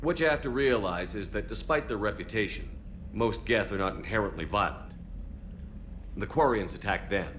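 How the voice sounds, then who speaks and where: A man's voice: fairly low pitch, animated, moderate pace, fairly bright tone, slight background noise. A man playing a resolute military spaceship commander in a video game, firm and plain-spoken. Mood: firm, assured.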